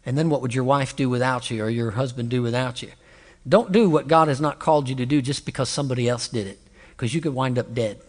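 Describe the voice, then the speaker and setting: A middle-aged man preaching a storytelling sermon, animated and conversational, with asides to the listeners. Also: mid-range voice, fast talker. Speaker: pastor. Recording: hall reverb.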